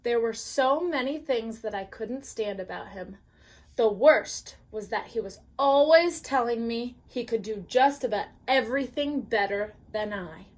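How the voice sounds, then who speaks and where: A woman reads a bedtime story at an unhurried pace with gentle expression. Her voice sits a little high, and she stops now and then to ask the child listening a question. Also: lively intonation. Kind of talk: reading a picture book aloud.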